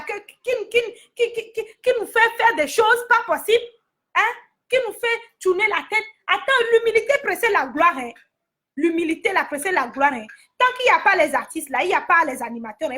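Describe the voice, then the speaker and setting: A woman's voice: extremely high pitch, pushed and bright. A woman from Togo giving her angry opinion straight to her viewers in a heated vlog, repeating herself as she scolds. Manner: indignant, repetitive, addresses viewers directly.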